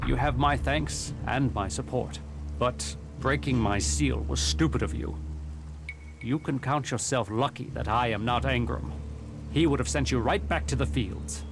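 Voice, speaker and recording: A man's voice: mid-range voice, close to an everyday voice. An actor playing a stern, authoritative male warlord in a video game, with formal, commanding speech. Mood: measured, approving. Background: music.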